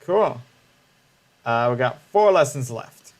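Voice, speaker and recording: A male streamer talks through a video game in a loose, chatty way, answering his chat as he goes. His pitch is ordinary, at a middle level, and he often stops and restarts his sentences. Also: expressive, slow pace.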